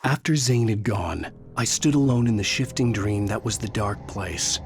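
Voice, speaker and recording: An actor playing a haunted, weary writer in a game, narrating in a brooding, measured, literary way. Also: male voice, lowish voice, animated. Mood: reflective, ominous. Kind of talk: dramatic scripted game narration. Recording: music behind voice.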